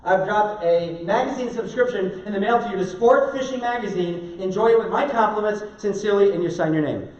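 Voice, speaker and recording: Energetic male seminar speaker, high voice, heard from afar in an echoey hall. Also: fairly quick, hardly any pauses. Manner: energetic, chatty, asks audience questions. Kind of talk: live seminar talk. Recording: distant mic, echoey hall, dull lo-fi sound.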